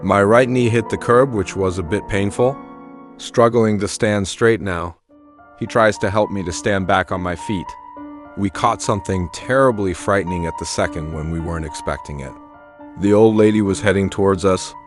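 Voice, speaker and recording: A man narrating a first-person horror story in a steady, plain recounting manner. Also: deep voice, moderate pace, soft background music.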